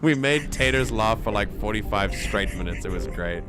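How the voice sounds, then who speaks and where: A man's voice: fairly low pitch, expressive, moderate pace. A man doing casual live gaming commentary as a streamer, rambling along in a jokey, giggly way. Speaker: game streamer. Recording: game music behind the voice. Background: video game music.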